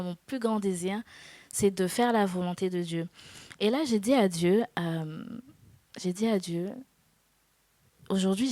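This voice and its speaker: A woman in her twenties giving a personal faith testimony in an interview, earnest and hesitant, with soft laughs. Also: lowish voice, no room sound. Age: 20s. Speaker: guest.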